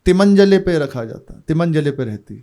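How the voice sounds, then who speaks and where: A man from India, a spiritual teacher telling devotional stories in an unhurried discourse, his phrases often trailing off softly. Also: a little high, lively intonation. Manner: slow, unhurried storytelling with soft trailing phrases.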